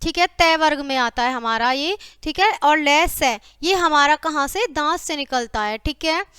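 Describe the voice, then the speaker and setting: A woman teacher walks children through a grammar lesson, checking in with "okay" after nearly every point. Her voice sits high and sounds bright and forceful. The recording is close and dry. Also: expressive, normal speed, no room sound. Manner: repeats "ठीक है" and addresses "बच्चों" constantly; lists example words one by one. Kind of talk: classroom grammar lecture.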